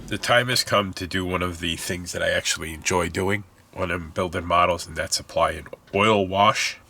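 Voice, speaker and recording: Man, stuffed up, rambling hobby chat, bright tone, lowish voice. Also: moderate pace, vocal fry, a little hiss or hum. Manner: rambling, self-correcting, chatty. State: stuffed up, congested. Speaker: scale model builder. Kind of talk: casual hobby tutorial.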